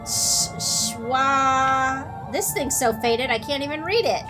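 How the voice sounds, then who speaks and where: A woman's voice: high voice, takes it slowly, music in the background. A woman giving casual, sarcastic let's-play commentary and swearing freely. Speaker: gameplay commentator.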